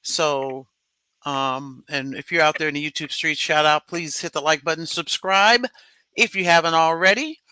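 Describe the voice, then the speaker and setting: A man hosting a casual livestream, commenting in an animated, rambling way with many restarts. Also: a little high, normal speed, smooth. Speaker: livestream host. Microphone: streaming mic, briefly distorted.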